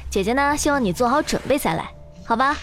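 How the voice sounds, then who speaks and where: A sweet, coaxing big-sister voice hides a sadistic female examiner in an audio drama. The pitch sits high and leaps wildly between soft persuasion and shrieking commands, over faint music. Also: expressive, fast talker. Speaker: examiner Teacher Zhou.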